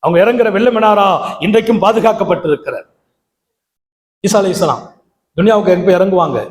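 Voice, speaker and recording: Male preacher, high voice, sermon delivery that rises to shouts, roomy echo. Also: brisk. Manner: swings from quiet storytelling to high shouted exclamations. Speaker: Islamic preacher.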